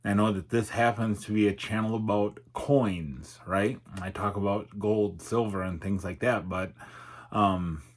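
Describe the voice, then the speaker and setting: A middle-aged man with a lowish, husky voice talks in a candid, unscripted way. He pauses and feels for his words reflectively, and his articulation is slightly off from numbness on one side of his face. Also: steady tone. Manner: halting, reflective, hesitant. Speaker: YouTuber and podcaster. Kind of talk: candid personal vlog, unscripted.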